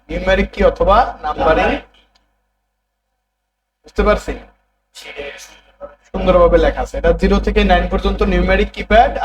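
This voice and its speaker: In a roughly recorded classroom lesson, a man with a high voice teaches a computer class. He repeats terms over and over and drills students to say them back to him.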